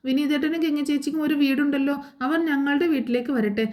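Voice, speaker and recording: This is a quick-witted young woman in a family drama, as a woman narrator reads her lines aloud. She fires off rising, pointed questions at a fast clip, in a voice pitched a little higher than the narrator's own. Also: darkish tone, natural voice. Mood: pointed, teasing. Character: bold young woman speaking her mind.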